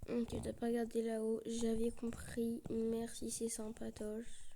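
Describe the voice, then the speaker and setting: Brief: young woman, gaming commentary, a bit high, chatty with whispered asides, faint hiss behind. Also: monotone, a little slow, dark tone. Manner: chatty, often drops to a whisper, playful with characters. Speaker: gaming video creator. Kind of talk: casual let's-play commentary.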